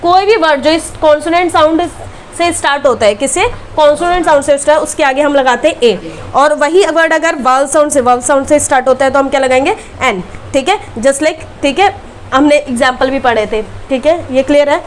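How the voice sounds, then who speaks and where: A woman with a high, bright voice teaches a grammar class. She keeps asking her students to repeat key words back to her, in a brisk classroom manner, with faint noise under the recording.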